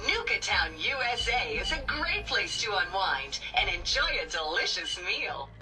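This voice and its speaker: A woman's voice: medium pitch, big pitch swings, unhurried, sharp tone, distant mic, faint music behind, heavily acted. A woman voicing a cheerful female theme-park robot guide in a video game, with a malfunctioning machine voice and chipper, salesy greetings.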